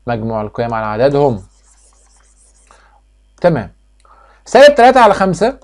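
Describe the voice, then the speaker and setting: A man with an Egyptian accent runs through a math review at a very fast pace. His voice sits somewhat high for a man. He quizzes the class, answers his own questions, and drills each step over and over. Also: darkish tone. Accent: Egyptian Arabic. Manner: repeats steps like a drill. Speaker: math teacher.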